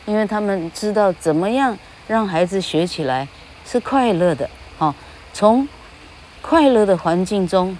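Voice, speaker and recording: An older woman talks in a relaxed, meandering monologue, a retired teacher speaking of herself in the third person. Her voice sits a little low for a woman, and she sprinkles short "ha" tags through her sentences. Faint noise hums underneath. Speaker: retired English teacher and radio host. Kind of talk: casual spoken monologue.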